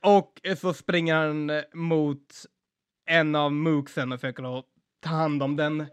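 A man's voice: a little high, flat delivery, clean tone, no echo. A man playing in a tabletop game, describing his character's actions in the third person. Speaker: player. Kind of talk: casual chat.

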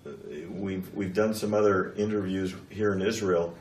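A man working as an interviewer, putting probing political questions and summing up deliberately in fragments. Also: low voice, level tone, slight background noise. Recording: echoey room, distant mic.

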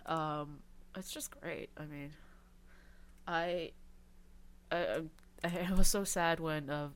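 Low-voiced woman chatting about games. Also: fairly even intonation, takes it slowly. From Cantonese family background. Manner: rambling, many fillers and restarts. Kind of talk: casual chat about video games.

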